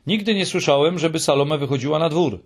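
A man voicing a small, excitable young male troll in a raised, eager voice, in an audiobook reading. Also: fairly high pitch, quick pace, husky, pitched above the performer's own voice.

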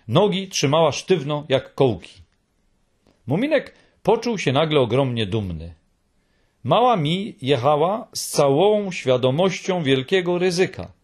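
A man narrating a children's storybook in an expressive reading style. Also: a little high.

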